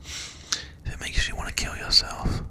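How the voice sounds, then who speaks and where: Whispered ASMR, livestream host, soft and unvoiced, casual chat addressed to viewers. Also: a little slow.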